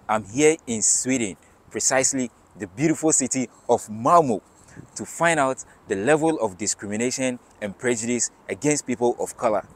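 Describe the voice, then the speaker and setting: An upbeat man in his thirties presents to camera and interviews passers-by on a sunny city square. His voice sits at a middle pitch, and faint street noise runs behind him. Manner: upbeat, greets guests warmly, short reactions. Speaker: street interviewer and channel host.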